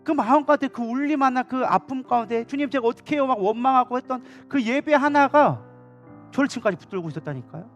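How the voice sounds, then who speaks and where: A pastor with a high voice preaches quickly, passionately and animatedly, addressing his congregation conversationally. He delivers the sermon in a church sanctuary during an evening service, with faint instrumental music playing behind him.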